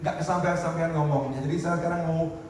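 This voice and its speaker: A man's voice: a little high, steady tone, fast, darkish tone, slight background noise, natural voice. Guy doing anxious young lover begging god, echoey far-off hall sound. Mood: earnest. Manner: earnest, fretful. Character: young man anxious and desperate in love.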